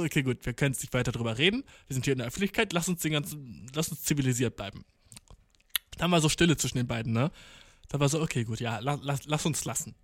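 A man's voice: on the high side, dry recording, clean studio sound. A young man telling a casual, slangy anecdote full of swearing, acting out the people he quotes. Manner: slangy, swearing, tags lines with "ne?"; acts out quoted people in the story. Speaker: storyteller.

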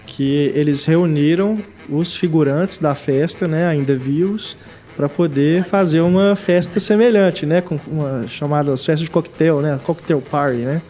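A man's voice: a little high, unhurried, dark tone. A man co-hosting a casual film talk, enthusiastic and addressing the viewers, with many fillers. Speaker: co-host discussing films.

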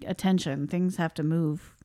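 A woman's voice: deep voice, fairly even intonation, normal speed, mellow. A young woman co-hosting a podcast, chatting casually about a movie with lots of fillers, laughs and asides. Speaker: podcast co-host. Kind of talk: casual movie-review chat.

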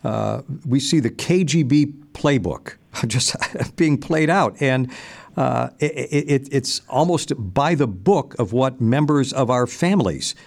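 A man hosting a radio interview, speaking in a measured, halting way with many pauses and restarts. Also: mid-range voice, expressive, vocal fry. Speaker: radio host.

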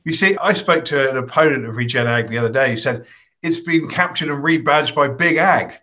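A man's voice: mid-range voice, brisk, bright, forceful tone. A man interviewing a guest, asking questions and telling anecdotes in a conversational manner. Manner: conversational, chatty.

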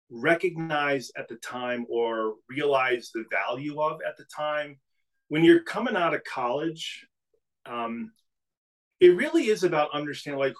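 A middle-aged New England business CEO appears as a podcast guest, telling stories casually and relaxedly in an interview, often restarting his sentences. His voice is fairly high-pitched, and the recording is rough.

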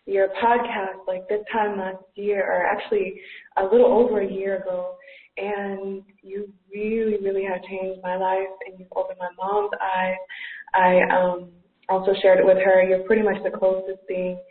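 Young woman caller heard through a computer call, earnest and halting, level tone, roomy tinny audio. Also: mid-range voice. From Georgia, US. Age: 20s. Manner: earnest and grateful, hesitant with many fillers. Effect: heard through a call on a computer speaker. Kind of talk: live call-in chat. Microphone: computer mic over a call. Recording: echoey, tinny call line.

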